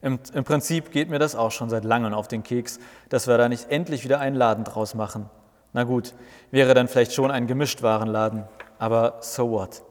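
A man's voice: medium pitch, steady tone, a little fast. A man reading a humorous scripted story with wry, dry asides, in a reverberant recording. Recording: long reverb.

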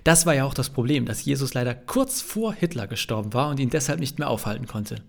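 A man's voice: medium pitch, lively intonation, quick pace, creaky. A man reading his own novel aloud as a podcast, narrating in the first person with a dry, wry tone. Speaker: author reading his book.

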